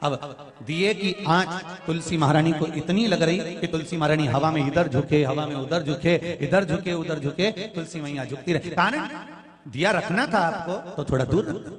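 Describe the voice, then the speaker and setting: A man's voice: on the high side, expressive, moderate pace, a crowd in the background. A middle-aged man preaching a devotional sermon, exhorting his listeners and repeating phrases for emphasis. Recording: devotional music playing behind.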